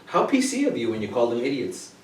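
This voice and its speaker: A man's voice: mid-range voice, huge pitch swings, quick pace, a little hiss or hum. A man hosting a comedy show who teases his guest and often trips over his words. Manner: teasing, stumbling over words. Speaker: host. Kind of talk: comedy sketch banter. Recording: echoey room, mic at a distance.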